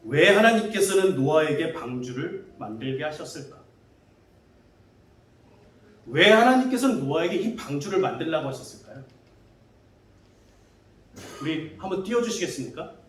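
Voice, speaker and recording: A man's voice: a little high, lively intonation, moderate pace, pauses often. A male pastor preaching a sermon, asking the congregation questions and acting out what scoffing neighbors might have said. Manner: asks the congregation questions, acts out neighbors' taunts. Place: church sanctuary. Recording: echoey church hall from far off.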